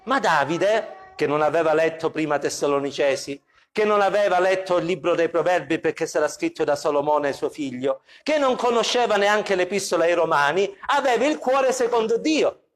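A man preaching an evening sermon as pastor, with expressive delivery that repeats questions for emphasis. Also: on the high side, moderate pace.

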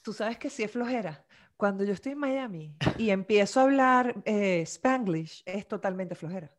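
A woman in lively casual chat, eager to add her own examples. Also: medium pitch. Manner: lively, quick to jump in.

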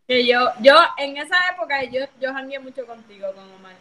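A woman's voice: sits high, steady tone, a little fast, sharp tone. A woman telling stories emphatically in casual chat with friends.

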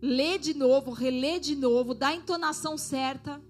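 Female preacher, high pitch, urgent exhorting sermon delivery over faint music. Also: moderate pace. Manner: exhorting, asks the congregation to respond. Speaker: pastor.

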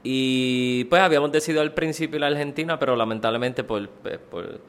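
A man's voice: medium pitch, a little fast. A man from Puerto Rico with a Puerto Rican accent, co-hosting a podcast in hesitant casual conversation full of fillers. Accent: Puerto Rican Spanish. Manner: hesitant, many fillers like "pues" and "no?". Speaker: podcast co-host.

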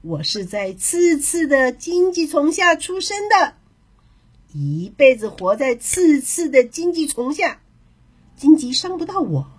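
A sly, boastful hare trickster, as a woman puts him on for a children's storybook, bright and high with a lively bounce in the voice. He teases and fakes his pleas, drawn out slowly and breathily. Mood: gloating. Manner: playful, teasing, then mock-pleading.

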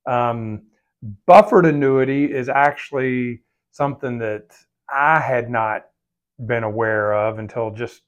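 An older man co-hosting a finance podcast in casual conversation, speaking haltingly and repeating words. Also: medium pitch, muffled recording. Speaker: podcast co-host and veteran financial advisor.

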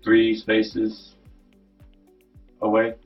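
Man in a police interview, low monotone voice, hesitant, lots of ums, dull lo-fi recording with faint music under it. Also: extremely slow. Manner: hesitant, full of ums and "you know".

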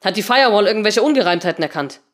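A woman reading a story voices a male programmer in a slightly lower, blunt, gruff way. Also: expressive, racing, close to an everyday voice. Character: grumpy male programmer, husband.

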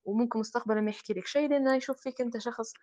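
Woman, Libyan accent, rapid speech, dry close sound, explanatory with filler pauses. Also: on the high side, steady tone, warm tone, dry recording. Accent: Libyan Arabic. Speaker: psychologist guest. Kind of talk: panel discussion.

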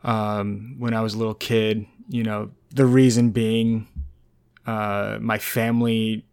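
Chill guy rambling on a podcast, clean smooth voice, laughs a lot. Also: lowish voice, flat delivery, slow pace, darkish tone. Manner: laid-back, rambling, laughs often. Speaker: podcast co-host. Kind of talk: casual podcast chat.

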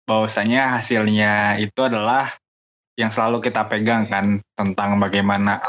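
A man's voice: on the low side, level tone, moderate pace, fairly bright tone. A young man, co-hosting a podcast and explaining things informally in a rambling way with tag questions. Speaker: podcast co-host. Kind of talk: casual discussion.

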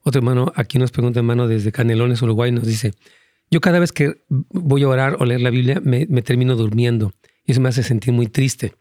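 A man's voice: mid-range voice, fairly even intonation, brisk, warm tone, no echo, studio quality. A man, a pastor, earnestly answering callers' Bible questions, rambling with many fillers.

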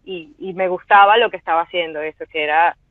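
A voice actress chatting casually in an interview, rambling with many fillers and restarts over a video call. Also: female voice, lowish voice, fast talker, dry recording. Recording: tinny phone-like line, dry.

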